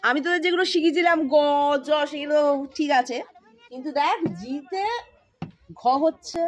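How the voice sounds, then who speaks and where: A woman teaching English pronunciation, explaining informally and spelling out letters to her students. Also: high-pitched. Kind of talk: spoken English lesson.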